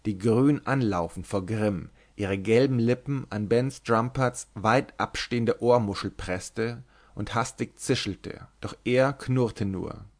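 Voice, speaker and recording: A man's voice: lowish voice, slow pace. Man reading a classic novel. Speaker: audiobook reader. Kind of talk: scripted literary narration.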